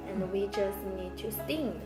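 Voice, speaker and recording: Woman student, halting english, lots of ums, echoey room with music. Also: medium pitch. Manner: hesitant, many fillers and restarts. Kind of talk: classroom discussion.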